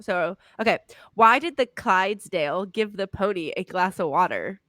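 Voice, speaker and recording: A woman co-hosting a casual podcast with a nasal voice, playful and quick to laugh. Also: medium pitch, lively intonation, fairly bright tone, no echo, studio quality. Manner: playful, laughs easily, tells puns. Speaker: podcast co-host. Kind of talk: casual chat.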